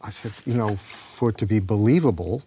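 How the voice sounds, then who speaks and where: Man, interview guest, low voice, thoughtful, storytelling, occasional whisper. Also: brisk, mellow, slight background noise. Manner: storytelling, acts out quoted dialogue, sometimes drops to a whisper. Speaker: actor being interviewed. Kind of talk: reflective interview talk.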